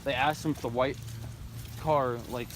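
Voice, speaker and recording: A young American man, somewhere between his teens and young adulthood, chats casually and tells stories to his friends in slangy, profane language. His voice is medium-pitched with a steady tone and measured pace. It's a noisy amateur recording with clear background noise.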